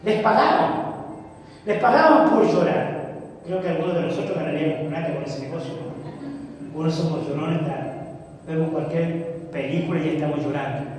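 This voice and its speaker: A man's voice: animated, a little hiss or hum. A man preaching a sermon with dramatic emphasis, asking his congregation rhetorical questions. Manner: dramatic, emphatic delivery with pauses. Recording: booming echo of a large hall.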